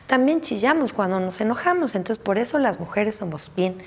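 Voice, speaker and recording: A woman's voice: mid-range voice, expressive, a little fast, breathy edge. A woman from Mexico with a Mexican accent, a therapist giving an informal talk on emotions and often adding "¿no?" tag questions. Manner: conversational, frequent "¿no?" tag questions.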